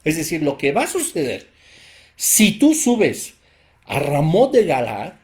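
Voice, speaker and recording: A man's voice: fairly high pitch, wildly swooping pitch, unhurried. A man with a Mexican accent teaching a Bible study, reading verses aloud and explaining them with rhetorical questions in a casual way. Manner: casual, repeats himself and restarts phrases.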